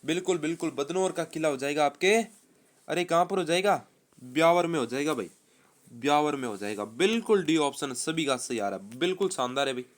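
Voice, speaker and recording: A man teaching a live online exam-prep quiz class, reading options and repeating answers in a brisk, quizzing manner. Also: on the high side, animated.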